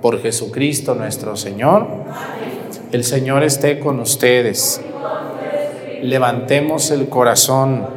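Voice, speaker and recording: A man, a priest celebrating Mass, recites the prayers in a solemn, measured way, his voice ringing with cathedral echo. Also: medium pitch, a crowd in the background. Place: large church. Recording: long church reverb.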